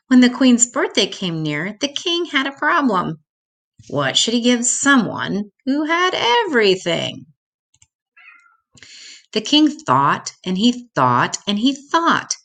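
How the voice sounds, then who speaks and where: With a medium-pitched voice, an older woman reads a children's picture book aloud deliberately and expressively, drawing out key words for young listeners.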